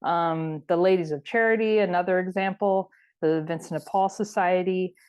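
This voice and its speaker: A woman's voice: on the low side, steady tone, moderate pace, a little mellow, clean tone. Woman interviewer asking friendly questions. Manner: friendly, curious, casual phrasing. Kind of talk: conversational interview.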